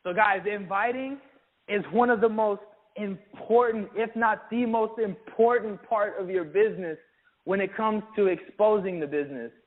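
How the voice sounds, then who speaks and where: A man leading an energetic business training talk, who keeps calling his listeners "guys". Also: high voice, moderate pace. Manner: energetic, keeps saying "guys", acts out sample calls. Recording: tinny phone-like sound.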